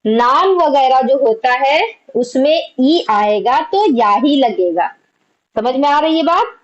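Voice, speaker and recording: A woman's voice: high-pitched, lively intonation, slow, muffled recording. A woman teaching an online Urdu lesson, patiently explaining letters and quizzing her students.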